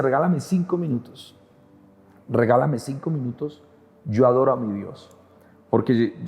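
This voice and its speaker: A male pastor preaches in a mellow, dark-toned voice. He tells a testimony earnestly and hammers his points home with repetition. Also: medium pitch. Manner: earnest storytelling, emphatic repetition. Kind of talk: sermon testimony.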